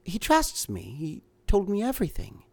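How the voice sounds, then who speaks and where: A man's voice: sits high, wildly swooping pitch, moderate pace, a little mellow, voice pushed up, heavily acted. A man voicing an anxious, urgent woman. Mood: insistent. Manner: urgent, pleading. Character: anxious, insistent woman in a spy thriller.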